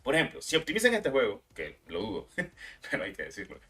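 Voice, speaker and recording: A young man rants through casual gaming commentary for his channel. He is heated and profane and swears freely. He speaks at an ordinary, mid-range male pitch. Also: huge pitch swings, fairly quick, pushed and bright.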